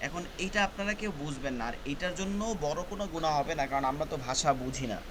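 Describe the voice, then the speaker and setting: A man's voice: a little high, lively intonation, fast talker, background noise. A male Quran teacher, patiently explaining rules step by step in an online class. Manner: patient, repeats points step by step.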